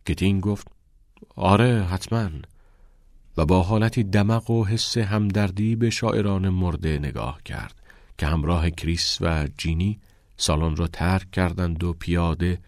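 A man narrating a story in a measured, even storytelling manner. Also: sits low, dry recording, clean studio sound.

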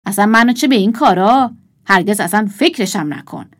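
A woman voicing a pushy old male junk dealer in a storybook, boasting loudly about his wares. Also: medium pitch, close to an everyday voice. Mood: boastful. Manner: boastful sales patter.

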